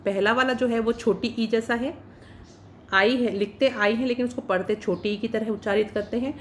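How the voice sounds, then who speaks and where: In a slightly high voice with fairly even intonation and normal speed, a patient woman teaches English pronunciation to Hindi speakers. She repeats each word and then explains its meaning, over a slight hiss or hum.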